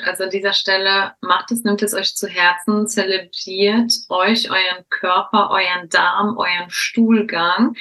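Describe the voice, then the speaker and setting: A woman's voice: medium pitch, pushed and bright, poor audio. Upbeat young woman podcast host. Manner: upbeat, encouraging, addresses listeners as a group. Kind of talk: podcast interview.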